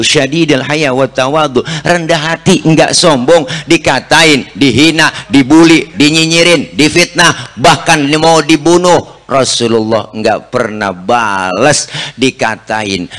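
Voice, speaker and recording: Joking male preacher with a twang. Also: mid-range voice. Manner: joking, animated storyteller, teasing the audience. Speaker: Islamic preacher. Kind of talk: comic sermon. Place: mosque or gathering hall with live audience.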